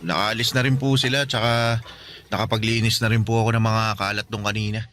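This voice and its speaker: A man's voice: fairly low pitch, fairly even intonation, fairly quick, a bit bright, slight background noise, lightly acted. An actor playing a polite, slightly shy teenage son who speaks respectfully to his mother in a radio drama. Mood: earnest. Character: polite teenage son who just graduated high school.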